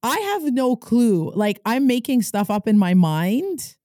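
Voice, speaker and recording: Woman host, higher pitch, soft dark tone, dry booth, rambling and encouraging. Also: big pitch swings, unhurried, no room sound. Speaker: podcast host. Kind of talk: casual interview chat.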